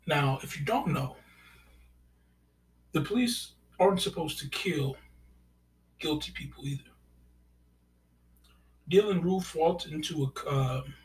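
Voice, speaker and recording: Slow, deliberate man a bit off-mic. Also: on the high side, a bit bright, far from the mic. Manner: deliberate, halting with many fillers. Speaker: podcast host. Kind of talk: solo podcast commentary.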